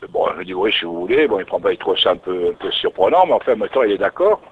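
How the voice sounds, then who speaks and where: A man's voice: sits low, sing-song, fast, breathy edge. A man telling his story as an interview guest, musing and often restarting his phrases. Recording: tinny narrowband radio recording.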